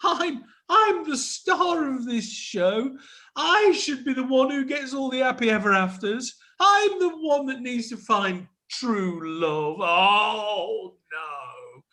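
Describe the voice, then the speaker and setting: A man's voice: fairly high pitch, lively intonation, a little slow, bright, forceful tone, exaggerated voice. A man playing a self-pitying, pompous pantomime dame on a video call, wailing melodramatically. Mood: sobbing. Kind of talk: comic pantomime acting.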